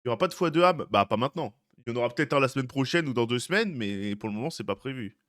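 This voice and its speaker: A man's voice: medium pitch, expressive, very fast, fairly bright tone. A young man streaming live, chatting casually with his viewers, greeting them by name and teasing them. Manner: chatty, greets chat by name, jokey asides.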